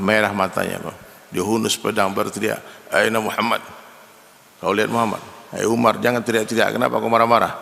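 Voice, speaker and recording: A man with an Indonesian accent preaches a sermon in a gravelly, forceful, lowish voice, telling stories in a lively way and repeatedly addressing the men in the audience directly as "Pak". A long reverb makes it sound as if he's in a spacious hall.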